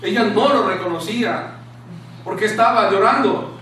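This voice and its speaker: A man preaching a sermon in a small church room, impassioned, dropping to a hushed tone when he quotes scripture. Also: sits high, normal speed. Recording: very echoey room, distant mic, faint hiss.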